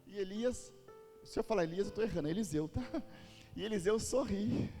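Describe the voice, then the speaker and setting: Brazilian man preaching, high voice, exhorting, reverberant church, music behind. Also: brisk, warm tone. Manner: exhorting, storytelling, calls congregation to repeat. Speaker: pastor. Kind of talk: sermon. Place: church sanctuary.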